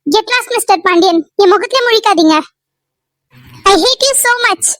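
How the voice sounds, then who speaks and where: A woman voicing an angry, haughty young woman who speaks in a sharp, dismissive way, in a cartoon serial. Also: very high-pitched, lively intonation, measured pace, no echo, clean studio sound, full character voice.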